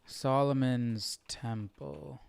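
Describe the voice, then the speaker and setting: This young man leads a casual Bible study on livestream, talking extremely slowly in a steady tone while thinking aloud and repeating phrases. His mid-range voice is gravelly yet smooth and a little mellow, picked up by a close handheld or desk microphone with headphones.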